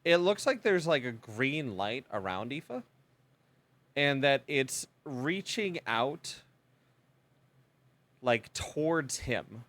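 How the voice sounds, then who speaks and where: A man narrates as game master, pausing often with fillers as he describes the scene. His pitch moves lively up and down while he keeps a slow pace. The sound is dry. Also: no room sound. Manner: hesitant, many fillers.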